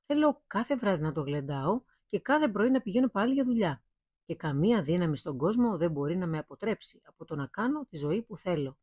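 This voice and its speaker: A burly, ill-mannered blacksmith bellows insults in a mellow, husky voice, as a woman reading a fairy tale puts him on. He sounds gruff and rude. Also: fairly low pitch, no room sound.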